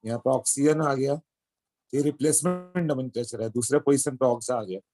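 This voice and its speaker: A man's voice: medium pitch, brisk. A man teaching a chemistry lesson, explaining step by step and checking in with his students as he goes. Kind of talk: classroom lecture.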